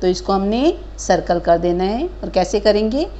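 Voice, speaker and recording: A woman teaching a kindergarten Hindi lesson, stretching out each word slowly and asking gentle questions of young children. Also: mid-range voice, lively intonation, lo-fi sound. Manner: slow drawn-out syllables modelling words for children; patient questioning, addresses children as beta.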